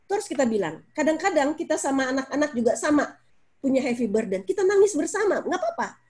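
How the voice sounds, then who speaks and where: Casting: middle-aged woman, high voice, expressive parenting guest speaker. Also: fast. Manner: expressive, acts out scolding parent in high voice, mixes English phrases. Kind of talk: animated talk-show explanation.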